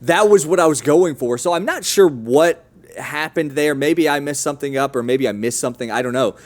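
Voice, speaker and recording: A man co-hosting a casual gaming podcast, telling his playthrough with lively storytelling and quick acted-out bits of characters. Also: on the high side. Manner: animated storytelling, acts out game characters. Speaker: podcast co-host.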